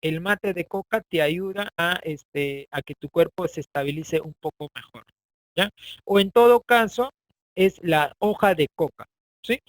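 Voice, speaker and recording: Middle-aged Peruvian male teacher, high-pitched, chatty, keeps checking in with students; dry, close recording. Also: measured pace, no room sound, poor audio. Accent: Peruvian Spanish. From Peru, Andean highlands. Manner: chatty, asks students for agreement. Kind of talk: online class lecture.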